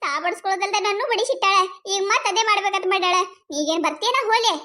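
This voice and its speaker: A woman's voice: extremely high pitch, rapid-fire, bright, forceful tone. A woman voicing a timid, gossipy village woman in a cartoon, with a North Karnataka accent, fretting and repeating worried phrases. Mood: fretful. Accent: North Karnataka Kannada.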